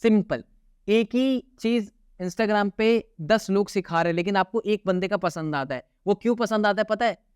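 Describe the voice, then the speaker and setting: A young man teaching a recorded online course lesson. He is emphatic, asks rhetorical questions and answers them himself, checks in with the viewer again and again, and shifts his tone and pace on purpose with deliberate pauses. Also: sits high, clear, resonant tone, no echo, studio quality. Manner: emphatic, keeps asking "theek hai?" to check in.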